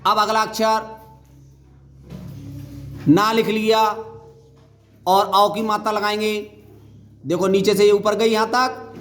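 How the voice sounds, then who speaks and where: A man teaching a Hindi reading lesson as a primary teacher. He repeats each sound, asks questions and answers them himself, and calls out the syllables loudly. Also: high-pitched, little pitch movement, slow, long pauses. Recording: echoey room with faint noise.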